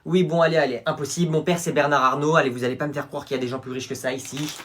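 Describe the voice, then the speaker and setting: A man's voice: on the high side, steady tone, very fast, a bit bright, a little hiss or hum, natural voice. A man voicing an entitled rich schoolboy who whines indignantly. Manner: whiny, indignant.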